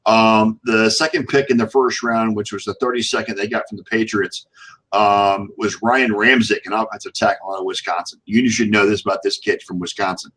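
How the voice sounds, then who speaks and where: A man hosting casual sports talk in a halting way, often repeating words as he goes. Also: lowish voice, steady tone, a bit bright, breathy edge, poor audio. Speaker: sports show host.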